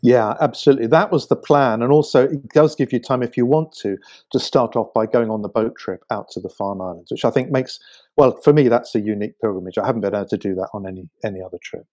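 An English man, a guest author, describing places in a lively, animated storytelling manner during a casual conversation. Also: mid-range voice, quick pace. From England.

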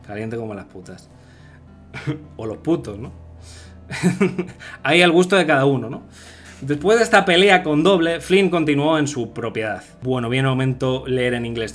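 Male streamer, raised pitch, rambling ad-lib translation, light music bed. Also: animated, a little slow, fairly bright tone. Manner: loose, rambling, filler-heavy reading. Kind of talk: live gameplay commentary and on-the-fly translation. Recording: music playing behind.

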